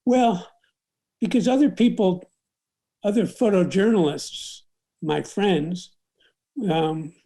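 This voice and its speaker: An older man, a photographer, telling stories from his career in an unhurried interview, with many fillers and restarts. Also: high voice, gravelly, mellow. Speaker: documentary photographer. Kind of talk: reflective storytelling interview.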